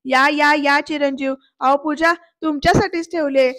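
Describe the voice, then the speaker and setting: A woman reading out the lines of a scheming older patriarch in a smooth, flattering way. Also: high-pitched, normal speed.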